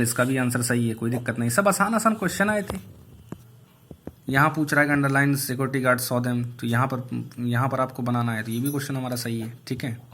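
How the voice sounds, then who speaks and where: A male English teacher going through exam questions one by one, reading each aloud slowly and explaining the answers. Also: medium pitch, vocal fry, fairly bright tone, slight background noise. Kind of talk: online exam answer review.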